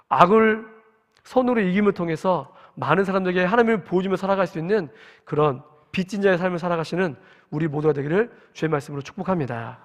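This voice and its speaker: A man in his forties, a pastor, preaching a sermon in an earnest, conversational way and asking the congregation questions. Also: sits high. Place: church sanctuary at early-morning service. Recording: long reverb in a church hall.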